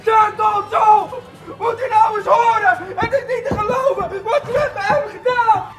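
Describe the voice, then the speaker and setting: A hapless gold prospector in a comic children's western, pitched extremely high. He whines and exclaims indignantly, everything hugely overdone. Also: normal speed, raised voice, over music, a crowd in the background. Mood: outraged. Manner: whiny, over-the-top, exclaiming.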